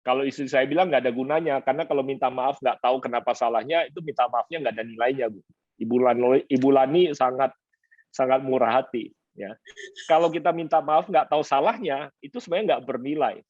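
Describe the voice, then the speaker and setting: A male pastor teaching a conference session, lively and animated, mixing in English words and acting out quoted couples. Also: fast, no echo, lo-fi sound. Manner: lively, acts out quoted couples in higher voices; mixes English words into speech. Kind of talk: seminar teaching talk. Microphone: conference stream.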